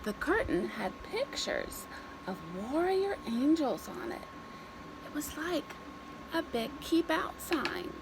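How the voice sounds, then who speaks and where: A woman whose voice sits high, with vocal fry, reads aloud to young children over a noisy background. She is expressive and deliberate, pausing dramatically between simple phrases.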